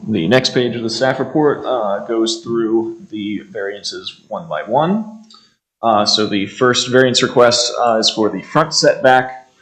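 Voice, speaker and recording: A man's voice: on the low side, measured pace, fairly bright tone, rough recording. An American man formally presenting a staff report, methodically reading out details with frequent hesitations. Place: indoor township meeting room.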